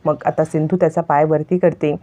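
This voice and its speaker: A woman narrates a television serial episode as a spoken story, stepping briefly into each character's lines. Her voice sits a little low and sounds mellow and warm. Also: level tone, fairly quick. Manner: retells scenes, voicing each character's lines lightly.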